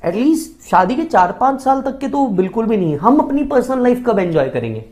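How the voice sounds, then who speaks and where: A man's voice: very high voice, very animated, normal speed, a little mellow. A man voicing a dismissive young woman with an airy, offhand and dramatic manner.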